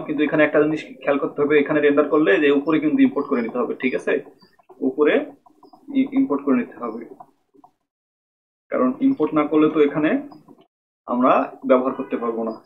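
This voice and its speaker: A man giving a screen-recorded coding lesson, explaining step by step and often checking in with "okay?". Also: medium pitch. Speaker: programming tutor. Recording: tinny phone-like mic with faint noise.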